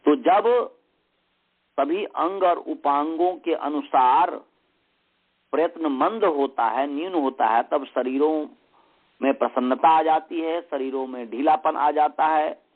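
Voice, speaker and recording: Slow, tinny-voiced man dictating Sanskrit. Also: fairly high pitch. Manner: slow, repeats each phrase many times for dictation. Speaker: Sanskrit grammar teacher. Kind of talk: dictating and explaining a text to students. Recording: tinny phone-line sound.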